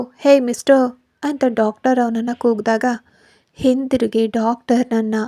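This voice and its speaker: A woman narrating a romance story in a steady, even storytelling manner. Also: a little high, dry recording, clean studio sound.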